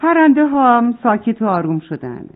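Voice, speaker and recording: A woman's voice: on the high side, very animated. A woman narrating a story for children, speaking to them directly, on a tinny recording. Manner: warm, addresses the children.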